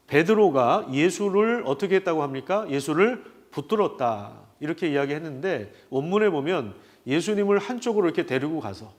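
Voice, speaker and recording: A man preaching a Sunday sermon as pastor, asking the congregation questions and pausing on filler sounds. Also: on the high side.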